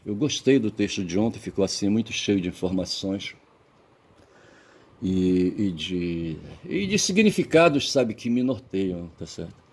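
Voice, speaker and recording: A man with a Brazilian Portuguese accent and a somewhat low voice talks in a rambling, lecturing vlog monologue. He keeps checking in with "tá certo?" and "sabe?", letting his phrase endings fade, with the odd casual curse. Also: animated, a little slow. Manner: digressive, peppered with "tá certo?" and "sabe?", trailing off quietly at phrase ends. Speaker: vlogger.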